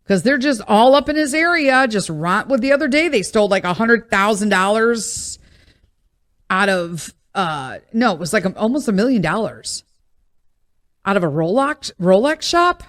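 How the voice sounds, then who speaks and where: A woman's voice: mid-range voice, expressive, moderate pace. A woman, hosting a podcast in a casual, rambling monologue full of blunt, exasperated asides. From Chicago, USA. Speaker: podcast host.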